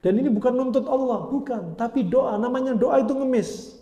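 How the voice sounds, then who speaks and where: Male preacher, high mellow voice, casual storytelling lecture, roomy echo. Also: a little fast. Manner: colloquial storytelling with Arabic phrases. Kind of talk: Islamic study lecture.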